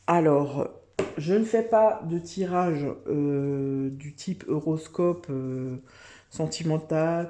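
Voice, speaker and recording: Chatty woman with a dark voice. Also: low voice. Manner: chatty, hesitant with many fillers. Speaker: tarot reader. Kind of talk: casual tarot reading monologue.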